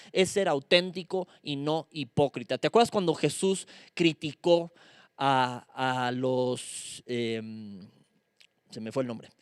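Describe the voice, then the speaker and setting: A woman gives a conversational Bible study, slowly spelling out Greek words and sometimes groping for a word. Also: sits low, darkish tone, clear, resonant tone, no room sound, studio quality. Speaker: Bible teacher.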